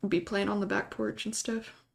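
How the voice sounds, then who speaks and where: A woman's voice: mid-range voice, level tone, moderate pace, gravelly. A young adult woman streamer casually chatting with her viewers, laid-back and often breaking into giggles. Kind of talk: casual live-stream chat.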